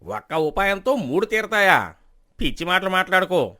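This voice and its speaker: A man's voice: high-pitched, big pitch swings, moderate pace, sharp tone, exaggerated voice. Man voicing a haughty, scornful landlord. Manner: scornful, dismissive questions. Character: arrogant middle-aged landlord, scornful and haughty. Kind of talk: storybook drama acting.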